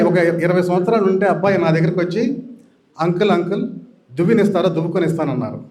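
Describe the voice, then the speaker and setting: Older guy from andhra telling funny stories at a meeting, kinda high voice, does the voices. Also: darkish tone. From Andhra Pradesh, India. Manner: storytelling, acting out quoted voices. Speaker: speaker at a public meeting. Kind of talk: humorous anecdotes told to an audience. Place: meeting hall stage.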